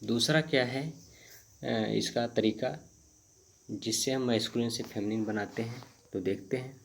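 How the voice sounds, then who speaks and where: Slow, gravelly man teaching grammar. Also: medium pitch, a little hiss or hum. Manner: explains slowly in Hindi, reads English rules very slowly word by word; repetitive, hesitant with fillers. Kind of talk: Hindi-medium grammar lesson.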